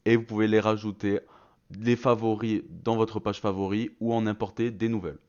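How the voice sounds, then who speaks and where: A man's voice: on the low side, little pitch movement, moderate pace, dark tone, dull audio. A man narrating a tutorial in a casual, slangy and enthusiastic way. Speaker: video creator presenting a voice-changer tool.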